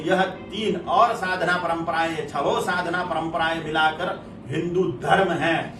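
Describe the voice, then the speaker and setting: A man's voice: sits high, roomy sound, far from the mic. A man giving an impassioned religious discourse, speaking emphatically and hammering points home through long repeated lists. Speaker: religious preacher.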